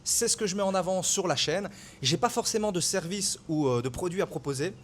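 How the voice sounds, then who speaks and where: A man hosting an interview, asking relaxed, chatty questions. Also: high voice, brisk. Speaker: YouTube interviewer and host. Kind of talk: casual interview.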